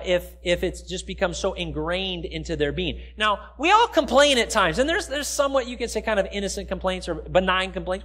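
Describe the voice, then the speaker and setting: This middle-aged American man's voice sits high and sounds a little bright. Standing on stage in a big church sanctuary, he delivers a sermon as pastor in an explanatory, chatty way, often stepping aside to address the congregation.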